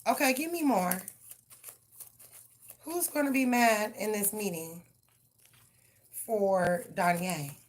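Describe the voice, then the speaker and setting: A woman's voice: medium pitch, slow pace, long pauses. Woman, tarot reader; blunt, profane, heated delivery. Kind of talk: live tarot reading and rant.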